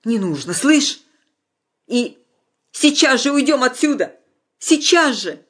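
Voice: medium pitch, moderate pace, husky, lightly acted. A reader doing a desperate young bride. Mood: urgent, pleading. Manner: pleading, urgent.

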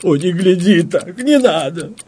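A man voicing a meek, tearful young countess in a high wailing falsetto in a read-aloud comic story. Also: animated, measured pace, a little mellow, a little hiss or hum. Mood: pleading, tearful.

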